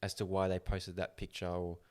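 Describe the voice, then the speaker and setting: Male podcast host, low-pitched, speaks slowly and deliberately with firm opinions. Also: completely flat delivery, darkish tone. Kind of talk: casual podcast chat.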